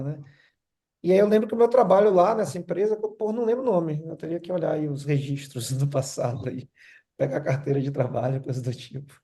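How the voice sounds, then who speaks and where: A man's voice: on the high side, warm tone. A middle-aged man with a Bahian Portuguese accent, mixed with São Paulo speech, telling his story in a casual group chat. He rambles and tags nearly every phrase with "né?". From Brazil, born in Rio, raised in Salvador.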